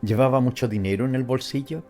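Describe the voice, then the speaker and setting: A man reading the part of a thoughtful cousin, a government official, who questions calmly. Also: mid-range voice, quick pace, faint music behind, close to an everyday voice. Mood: concerned. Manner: calm, reflective.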